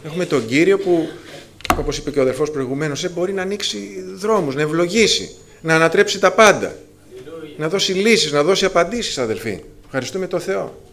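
Male preacher, slightly high voice, fervent, halting with fillers and restarts. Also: expressive, fairly bright tone. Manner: addresses listeners as brothers, rising to fervent emphasis; many filler sounds and restarts. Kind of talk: sermon to a congregation.

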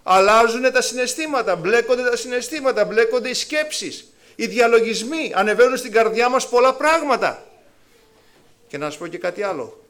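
A man preaching a sermon to his congregation, animated, acting out the voices of biblical people with sudden rises and drops. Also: high-pitched.

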